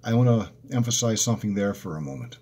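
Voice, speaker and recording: Man, minister, devotional sermon, deep voice, raspy edge, emphatic repetition. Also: animated, quick pace, dark tone. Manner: earnest and emphatic, repeating key phrases. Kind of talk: devotional sermon with scripture reading.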